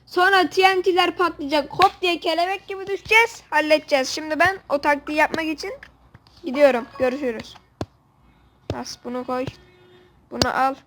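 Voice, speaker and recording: Woman host, high voice, casual gameplay banter, jokey, faint room noise. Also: fairly quick. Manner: excitable, joking, swears playfully. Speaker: gamer host.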